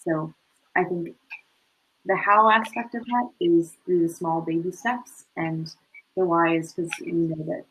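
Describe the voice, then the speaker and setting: A young woman speaking as a panelist, answering earnestly in short phrases with pauses. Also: lowish voice, steady tone, a bit bright, husky, poor audio. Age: young adult.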